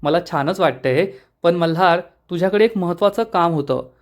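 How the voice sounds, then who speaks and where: A man voicing a scheming older sister in a spoken serial recap, smooth and insistent. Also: on the high side, brisk, natural voice.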